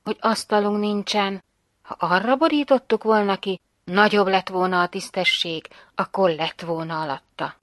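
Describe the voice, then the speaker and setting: Figure: a woman voicing a poor, cheerful mother. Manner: high and excited. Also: no room sound, clean studio sound, natural voice. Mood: rueful. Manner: bright, excited, laughing.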